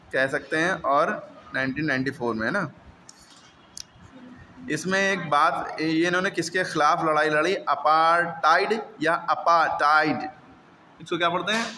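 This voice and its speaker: Man, teacher, classroom explanation, slightly high voice, faint background hiss. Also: sharp tone. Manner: explains in Hindi with English terms, repeats words, frequent "theek hai" check-ins; reads English passages slowly and deliberately. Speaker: school English teacher. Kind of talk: classroom lesson explaining a textbook chapter.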